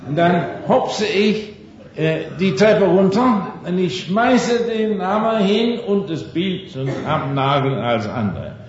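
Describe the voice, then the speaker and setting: Folksy man preaching slow in a big hall, keeps asking the crowd stuff, lots of echo, kinda muffled. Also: high-pitched. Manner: storytelling, folksy, asks the audience questions; tag question "nicht wahr" again and again. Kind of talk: sermon with anecdote.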